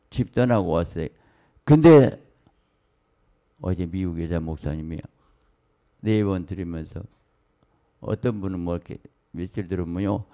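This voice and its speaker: Low gravelly excitable Korean pastor. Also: male voice. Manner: excitable, rapid-fire exclamations and asides; hurried, fragmented preaching. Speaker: senior pastor. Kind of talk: dawn prayer sermon.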